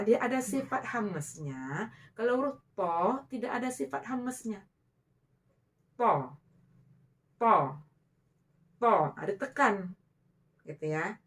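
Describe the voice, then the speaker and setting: An Indonesian woman teaching Quranic letter pronunciation, patiently modeling and repeating each letter sound. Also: mid-range voice. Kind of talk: slow instructional explanation with demonstrations.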